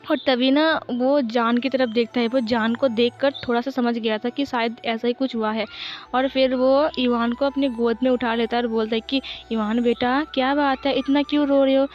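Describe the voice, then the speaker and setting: A woman's voice: fairly high pitch, fairly even intonation, moderate pace. A woman casually narrating a fan story in a chatty, repetitive way, with lots of fillers. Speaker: fanfiction storyteller. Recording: slightly dull, faint music behind.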